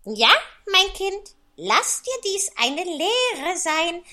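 A man's voice: very high voice, big pitch swings, sharp tone, pitched above the performer's own voice, full character voice. A man voicing a preachy old mother toad lecturing her daughter in an audiobook reading. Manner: moralizing, slow.

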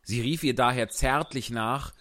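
A man's voice: medium pitch, a little slow, a bit bright, dry recording, clean studio sound. A man co-hosting a podcast, reading a novel aloud and then chatting casually with some hesitation. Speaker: podcast co-host and reader.

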